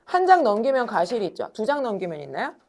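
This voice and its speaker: A woman teaching a classroom lecture, talking straight to her students, asking questions and answering them herself, and stretching words slowly when she demonstrates. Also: on the high side. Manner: animated, addresses students directly, asks and answers own questions.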